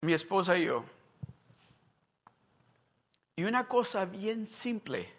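Pastor, man in his fifties, high bright voice, sermon delivery that swings from hushed to loud. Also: sing-song, moderate pace. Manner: switches between quiet and loud preaching. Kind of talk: bilingual sermon.

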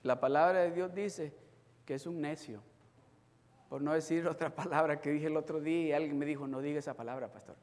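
A man's voice: a little high, steady tone, normal speed, darkish tone, long reverb tail. A man preaching a sermon as pastor, stressing key words and acting out the people he quotes. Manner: preaching with rising emphasis, acts out quoted people.

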